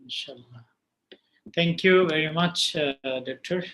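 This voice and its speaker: A man hosting an online webinar, speaking haltingly with many filler pauses over a video call mic. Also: a little high, bright, forceful tone. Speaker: webinar host.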